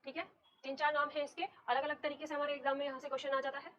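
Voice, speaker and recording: A woman's voice: high-pitched, level tone, rapid-fire, fairly bright tone, highs cut off. A woman teaching a Hindi grammar class, explaining step by step and putting questions to her students. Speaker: Hindi teacher for competitive exams. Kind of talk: classroom lecture on Hindi alphabet.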